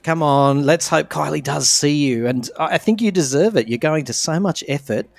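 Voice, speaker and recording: A man's voice: on the high side, normal speed, creaky, dry recording. Man with a fading voice. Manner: warm, reassuring and enthusiastic. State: losing his voice. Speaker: podcast co-host. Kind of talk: casual fan chat.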